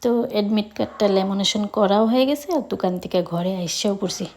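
A middle-aged woman chatting casually to her viewers in a home vlog, talking in a relaxed colloquial way and recorded on a phone camera. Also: mid-range voice, fast talker. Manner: chatty, talks straight to viewers in colloquial dialect. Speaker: vlogger.

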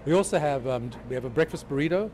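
A man's voice: a little high, expressive, fast, a crowd in the background. A man in his fifties, a restaurant owner, talking up his food with upbeat enthusiasm in a small restaurant. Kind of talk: casual interview. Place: small restaurant with street noise.

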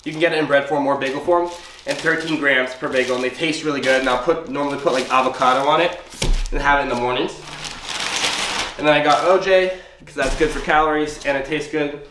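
A man's voice: on the high side, steady tone, a little fast. A young man with a congested, stuffy voice, chatting through a grocery haul in a casual vlog. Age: young adult. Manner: chatty, upbeat, explains item by item. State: congested, sick. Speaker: vlogger. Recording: roomy, distant, noisy home recording.

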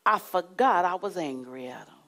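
Middle-aged woman preacher, lively delivery with wide pitch swings, emphatic, lapel mic. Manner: animated, emphatic, with dramatic pauses and shifts to a hushed voice. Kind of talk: sermon. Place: church studio with curtain backdrop.

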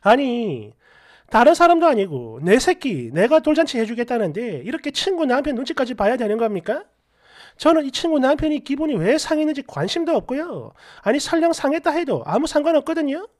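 Woman narrator, 30s, sarcastic, indignant, high and animated voice. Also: brisk. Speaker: story narrator. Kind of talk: first-person story narration.

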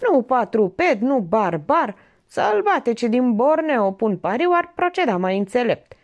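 In an audiobook, a woman voices a smug, self-assured middle-aged barber who lectures as though he's the only one who can reason. Her voice is a little high and pushed up, with big pitch swings, and the sound is lo-fi.

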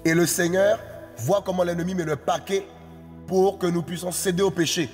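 A man's voice: sits high, fairly even intonation, moderate pace, in a large hall, faint music behind. A man preaching a sermon, exhorting his listeners in a repetitive, singsong cadence.

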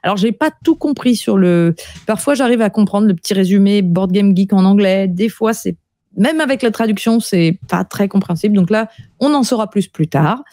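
A woman's voice: medium pitch, lively intonation, moderate pace, warm tone, dry recording, clean studio sound. A woman co-hosting a casual podcast chat about board game news, talking freely with many hesitant fillers. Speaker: podcast co-host.

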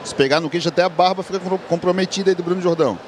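Male colour commentator, colloquial and joking boxing analysis, slightly high pitch, clear background noise. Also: very fast.

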